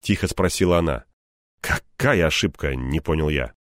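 A man's voice: extremely low pitch, animated, moderate pace, no room sound, studio quality. A man narrating a first-person audiobook, wry and a bit grumbling as the hero. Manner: wry, grumbling when in character.

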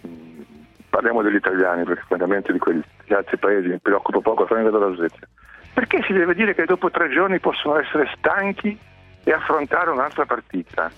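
A man's voice: on the low side, expressive, a little fast, no echo. A man giving a casual opinion on sports radio, indignantly asking rhetorical questions. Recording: dull, muffled radio sound, music underneath.

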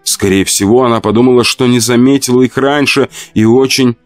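A man reading a first-person horror story aloud, expressive and dramatic. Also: medium pitch, brisk, no room sound, faint music behind. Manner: expressive, acts out shouts and laments. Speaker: audiobook narrator.

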